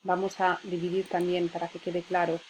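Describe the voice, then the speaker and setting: A woman's voice: on the low side, completely flat delivery, moderate pace, darkish tone, slight background noise. A woman teacher, patiently explaining spelling rules and spelling out words syllable by syllable. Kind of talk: spelling lesson.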